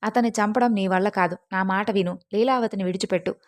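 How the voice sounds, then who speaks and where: A woman voicing a wise, calm, older male sage in a devotional story, speaking gently and giving advice. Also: medium pitch, brisk, close to an everyday voice. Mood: counselling. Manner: gentle, advising.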